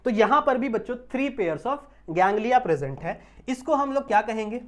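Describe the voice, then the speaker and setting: A man giving an online biology lecture. He keeps checking whether students understand, draws technical terms out slowly, and mixes English terms into his Hindi. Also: very high-pitched, expressive. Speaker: biology teacher.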